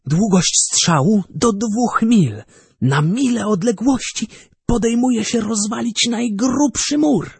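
Brief: a man playing an obsessive inventor, shrill and feverish, husky edge, storybook reading. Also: expressive, slow pace, no room sound, full character voice. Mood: proud. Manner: feverish, exclamatory. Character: excited obsessive male cannon inventor.

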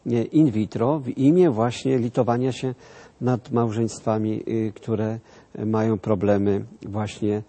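A man's voice: lowish voice, steady tone, unhurried, warm tone. A man in a discussion, speaking hesitantly with many fillers.

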